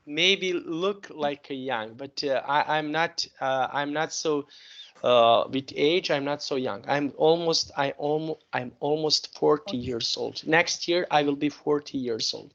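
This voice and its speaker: A man's voice: fairly high pitch, unhurried, vocal fry, a bit bright, dull audio. A man in his late thirties with a Serbian accent, teaching an online English lesson and encouraging his student, repeating words for emphasis. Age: 30s.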